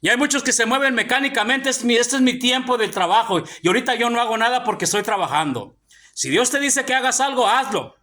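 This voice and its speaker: A male pastor preaches to his congregation in a church hall, repeatedly calling out "hermano" to his brothers. His voice is very high and sharp, and he speaks fast.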